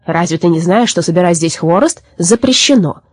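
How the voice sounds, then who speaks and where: A woman's voice: on the low side, animated, brisk, a little mellow, husky. A woman reading a storybook and voicing a bossy male forester who blusters and barks orders. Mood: blustering. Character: gruff new male forester, bossy, later baffled.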